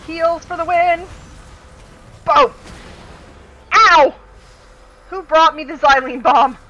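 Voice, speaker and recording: A woman streaming a team game, chatting casually with friends, playful and goofy, often laughing and shouting. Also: extremely high pitch, extremely slow, long pauses, muffled recording. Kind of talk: casual gaming chat with friends.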